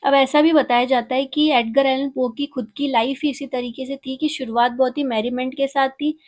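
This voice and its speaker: A woman teaching literature, reading English poetry lines slowly and then explaining them in casual Hindi mixed with English terms. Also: high voice, steady tone. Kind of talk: poem explanation lesson.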